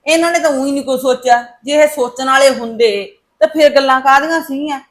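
A woman's voice: high-pitched, fast, lightly acted. A woman playing a blunt, scolding mother-in-law in a Punjabi drama. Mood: defensive.

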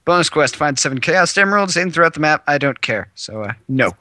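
A man hosting a casual let's-play, talking loosely and hesitantly as he figures things out, with frequent giggles. His voice sits a little high and sounds bright and sharp, recorded dry and close. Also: expressive, brisk, no room sound. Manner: hesitant, rambling, lots of fillers and giggles. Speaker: host of a gaming video.

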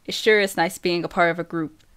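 Woman, audiobook reader, first-person narration, slow steady reading, lowish voice. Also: clean tone.

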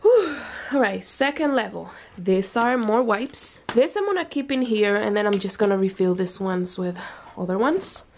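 A woman's voice: medium pitch, expressive, moderate pace, darkish tone, a little hiss or hum. A young woman vlogging, chatty and casual, explaining baby items one by one with lots of fillers. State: pregnant, briefly out of breath. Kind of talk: casual home tour vlog. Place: home nursery room.

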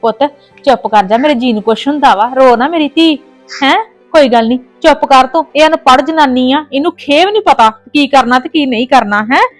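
A woman's voice: sits high, a little fast, few pauses, no room sound, faint music behind, natural voice. A woman playing a worried, fiercely protective mother with a Punjabi accent, soothing her daughter and scolding the in-laws. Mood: soothing, indignant. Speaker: mother on the phone. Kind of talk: family drama acting.

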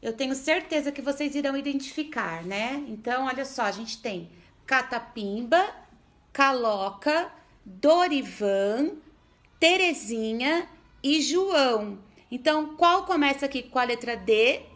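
Woman, high voice, Brazilian Portuguese accent, primary teacher, patient, slow, sounds out syllables. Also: expressive, fairly bright tone. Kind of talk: remote literacy lesson for first graders.

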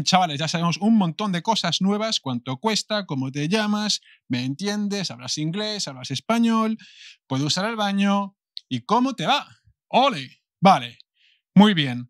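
Castilian spanish guy teaching a beginner lesson, says phrases real slow then races through the rest, super lively pitch. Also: dry recording, clean studio sound. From Spain. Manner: animated, slows down to model phrases, then rushes through asides.

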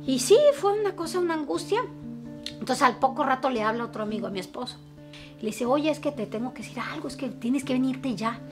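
Grieving middle-aged Mexican mother, anguished testimony at home, higher voice, guitar underneath. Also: lively intonation, fairly quick. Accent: Mexican Spanish. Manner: anguished storytelling, acting out others' words. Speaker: interviewee, bereaved mother. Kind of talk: emotional personal testimony. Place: her family home. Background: soft guitar music.

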